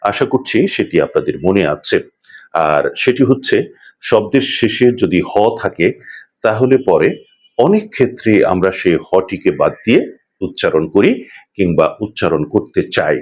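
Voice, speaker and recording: A man giving a pronunciation lesson, speaking in a measured way and slowing down to model each word. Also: low-pitched, sing-song. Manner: measured, deliberate, slows down to model correct pronunciation. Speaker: pronunciation teacher. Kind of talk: instructional talk to camera.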